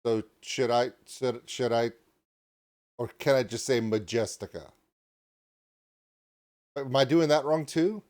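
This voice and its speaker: A male reaction host talks in a loose, rambling way, voice at an ordinary middle pitch. He gets excited and keeps poking fun at himself. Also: a little slow. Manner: rambling and excitable, jokes at his own expense. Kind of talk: reaction commentary.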